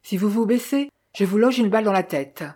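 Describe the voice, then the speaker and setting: A woman reading the part of a calm, polite male detective with formal, measured speech. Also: mid-range voice, breathy edge, lightly acted. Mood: stern.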